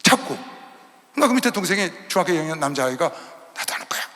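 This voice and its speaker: A man preaching an impassioned sermon as a pastor, dropping to hushed storytelling and then rising to loud shouts. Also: a little high, big pitch swings, rapid-fire. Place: large arena hall. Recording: reverberant arena hall.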